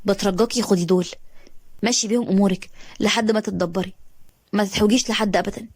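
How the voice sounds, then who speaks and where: A woman voicing a kind young man who speaks gently but insistently in Egyptian Arabic. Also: mid-range voice, steady tone, fast talker, husky, dry recording. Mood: caring.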